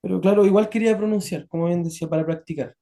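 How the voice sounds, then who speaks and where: A man, a student on a video call, speaks in a high but very dark, mellow voice. He sounds earnest and a little hesitant. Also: very fast.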